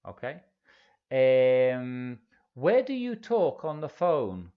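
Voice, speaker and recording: Male English teacher, patient drilling style, unhurried delivery with an animated, swinging pitch, slightly muffled lo-fi recording. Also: smooth. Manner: slow, patient drilling with repeated example phrases. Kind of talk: language lesson explaining in Spanish.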